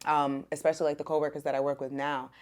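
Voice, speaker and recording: Talking quickly in a low-pitched voice, this podcast guest, an Ethiopian-born young woman raised in the US, chats casually about being a mom. She sounds relaxed and uses lots of "like" and "um," with a slight hiss or hum in the recording.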